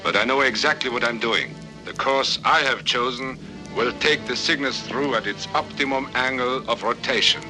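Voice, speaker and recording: An actor playing an obsessed starship commander and scientist, formal, imperious and oratorical, in a storybook dramatization. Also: male voice, mid-range voice, normal speed, over music, natural voice, low-quality recording. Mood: grandiose, confident.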